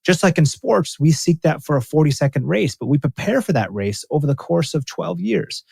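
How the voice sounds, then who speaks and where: A man's voice: a little high, animated, normal speed, creaky, darkish tone, breathy edge, no room sound, clean studio sound. A man speaking as a podcast guest about his years as a racing athlete, earnest and emphatic, often restarting his sentences. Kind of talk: casual interview conversation.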